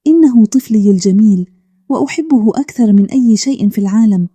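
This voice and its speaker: A woman's voice: mid-range voice, animated, quick pace, dark tone, no room sound, lightly acted. A woman voicing a childless village wife who speaks emotionally and emphatically in a bedtime story. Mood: emphatic.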